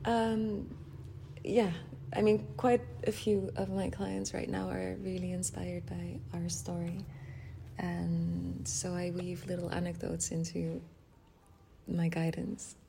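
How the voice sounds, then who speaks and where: A woman's voice: on the low side, level tone, slow, gravelly, dark tone, slight background noise. A woman from the Netherlands, an intimacy coach and podcast guest, talking directly and laughing often. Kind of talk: casual podcast conversation.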